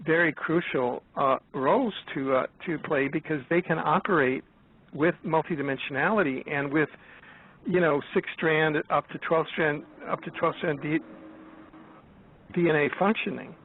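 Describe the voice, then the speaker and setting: A man in his seventies speaks as a guest over a thin, phone-like line. His voice sits a little higher than most men's. He talks haltingly, circling back with fillers and restarts. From United States. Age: 70s. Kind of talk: casual chat.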